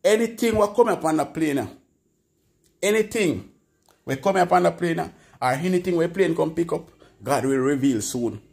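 A man's voice: high-pitched, moderate pace, gravelly, darkish tone. Emphatic Jamaican man ranting. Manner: emphatic, preachy Patois delivery. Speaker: vlogger. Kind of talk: political commentary rant.

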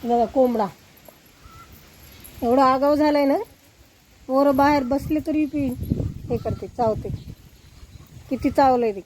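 High-voiced village woman chatting outdoors. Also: measured pace, pauses often, darkish tone, slight background noise, low-quality recording. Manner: chatty, showing things to viewers. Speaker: vlogger. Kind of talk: casual village vlog.

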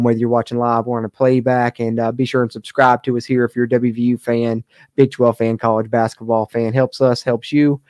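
A man's voice: mid-range voice, warm tone, no echo. A young man hosting a live postgame sports webcast from a home studio. He talks casually with many fillers and reads out chat comments. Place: home streaming studio, indoors. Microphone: studio mic close on camera.

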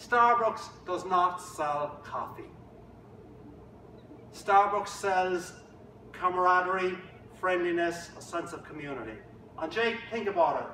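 A man voicing a Northern Irish pub regular who lectures his friend in a slow, emphatic way, recorded from a distance in an echoey room. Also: high-pitched, bright, forceful tone, slight background noise, heavily acted. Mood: lecturing. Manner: preachy, drawn-out and emphatic.

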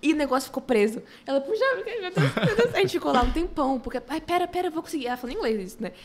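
A young woman with an Acre Brazilian accent, guest on a podcast, telling stories in a giggly, animated way. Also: sits high, racing. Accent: Acre Brazilian Portuguese. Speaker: podcast guest, food creator. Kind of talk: casual podcast chat. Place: small podcast studio.

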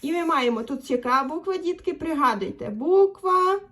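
A woman's voice: high-pitched, lively intonation, moderate pace. A young woman teaching the alphabet to children, patient and encouraging, drawing out each vowel for them to repeat. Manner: gentle, encouraging address to children.

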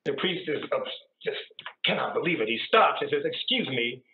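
Casting: priest spinning jokes on a call, slightly high voice, thin phone-like audio. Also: male voice, expressive, fairly quick, vocal fry, a little hiss or hum. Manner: chatty storyteller. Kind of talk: telling jokes on a video call. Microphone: computer mic on a video call. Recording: tinny echoey video-call audio.

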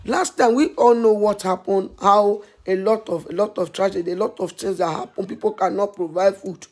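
A woman's voice: mid-range voice, normal speed, darkish tone. A woman giving impassioned vlog commentary, preachy and scolding, repeating her points again and again. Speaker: vlogger.

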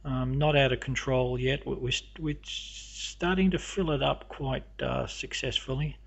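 Husky man touring his house. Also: medium pitch, steady tone. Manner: halting, with many fillers and restarts. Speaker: homeowner giving a house tour. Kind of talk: casual narrated walkthrough. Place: inside a house, walking room to room.

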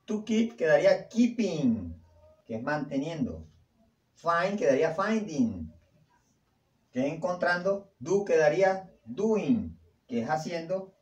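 Slow-talking man teaching English. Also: on the high side, sing-song, dull audio. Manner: repeats each English sentence slowly, then translates to Spanish. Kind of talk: language lesson. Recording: echoey room.

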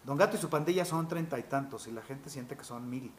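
Man, voice actor, interview anecdotes, quick talker, faint background noise. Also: medium pitch. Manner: animated, quick anecdotal storytelling with fillers like "este". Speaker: voice actor guest. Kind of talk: interview storytelling.

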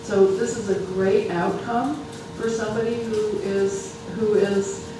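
A person presenting data at a public health meeting in a large, very echoey room, picked up from far across the space. The voice stays flat and level, with frequent halts and restarts. Steady background noise sits under it. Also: medium pitch. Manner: halting, many restarts.

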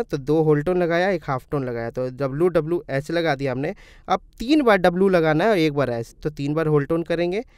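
A fairly high, slightly mellow male voice leads a relaxed screen-recorded music theory lesson. He goes step by step, raising his own questions and answering them, and keeps things friendly by addressing viewers as "brother."

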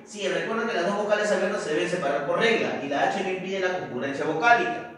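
A man's voice: sits high, fast talker, fairly bright tone, distant mic. A male teacher explaining step by step in a recorded lesson, often checking with "¿correcto?". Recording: very echoey room, voice off-mic.

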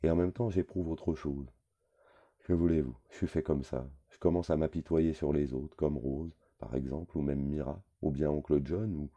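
A man's voice: a bass voice, dark tone, highs cut off. A man reading a novel aloud in first person, with wry, conversational storytelling. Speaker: audiobook reader.

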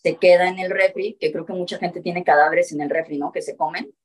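Woman, animal rescuer, talk show guest, animated storytelling, fairly low voice. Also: brisk, slightly rough. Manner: animated storytelling, acts out quoted dialogue.

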